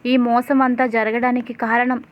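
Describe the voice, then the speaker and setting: A woman's voice: a little high, flat delivery, moderate pace, dull audio, close to an everyday voice. A woman voicing a determined young wife who speaks firmly and makes vows. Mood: earnest. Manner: firm, vowing.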